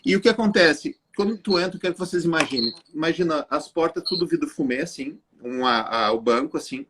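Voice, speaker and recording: A man, a guest telling an animated story straight to the viewers of a live chat. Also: on the high side, brisk, background noise. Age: 40s. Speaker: guest entrepreneur.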